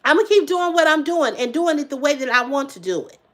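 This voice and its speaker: A woman in her fifties hosts a casual livestream, talking quickly and animatedly to her viewers. She's emphatic, repeats herself for effect, swears freely and swings between loud exclamations and low asides.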